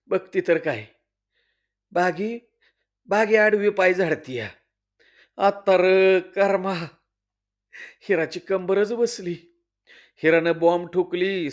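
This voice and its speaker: A man narrating a folk story in a slow, dramatic telling. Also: high-pitched. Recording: dull lo-fi recording.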